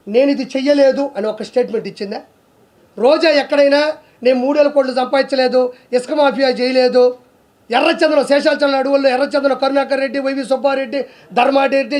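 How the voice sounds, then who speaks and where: A man speaks in a strikingly high voice. He rants at a political target, scornful and accusing, firing one rhetorical question after another. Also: darkish tone. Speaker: political commentator. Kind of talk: heated political rant to camera.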